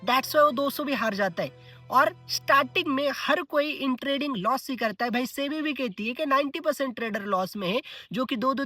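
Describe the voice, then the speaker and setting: A man's voice: extremely high pitch, pushed and bright, no room sound, clean studio sound. A man vlogging about his trading in a casual, chatty way, mixing in English words and asking himself rhetorical questions. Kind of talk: casual vlog talk to camera. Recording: voice a bit distant from the mic, faint music.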